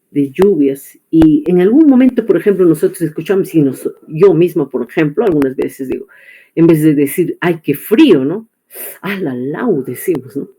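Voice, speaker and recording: Lady teaching online, slow, keeps pausing and checking in with the class. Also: sits low, mellow. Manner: hesitant, many filler pauses and tag questions.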